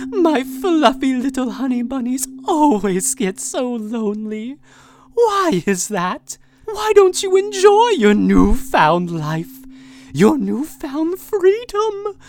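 A sweetly menacing, unhinged captor, acted by a woman croons in a high, slow, sing-song voice that lurches wildly up and down. The coaxing tone breaks into screaming rage and then settles back into creepy sweetness. Faint music plays under this audio drama. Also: a little mellow, no echo, full character voice.

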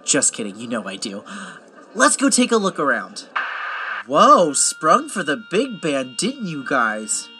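A man's voice: on the high side, huge pitch swings, a little slow, over music. A man playing a chatty, wisecracking young best man with a camera, in a naturalistic drama. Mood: chatty, playful. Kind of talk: naturalistic found-footage drama acting.

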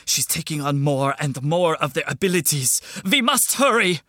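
An actor playing a grave, vigilant professor and monster hunter in an audio drama, husky and theatrically solemn. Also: male voice, fairly high pitch, animated, normal speed, sharp tone, no echo, clean studio sound. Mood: urgent, ominous.

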